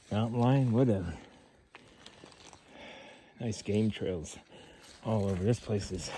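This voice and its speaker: A man talking casually to the camera while hiking outdoors, out of breath and halting from the climb. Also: on the low side, darkish tone, a little hiss or hum. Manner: winded from hiking uphill, halting delivery. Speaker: vlogger sharing his cancer story. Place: outdoors on hilly trails.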